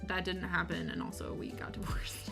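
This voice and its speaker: Her voice is on the low side and gravelly, with a level tone and normal speed. She's a tired American livestream host with a Michigan accent, chatting casually with viewers during a co-working stream, rambling, self-deprecating, and answering chat questions while lofi music plays.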